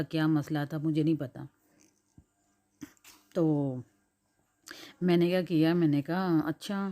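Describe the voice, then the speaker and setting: A woman in her forties with a Punjabi accent chats through her day in a low, mellow voice. She is hoarse from a flu and clears her throat now and then. She rambles easily from one thing to the next. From Pakistan. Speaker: cooking vlogger. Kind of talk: casual chatty vlog narration.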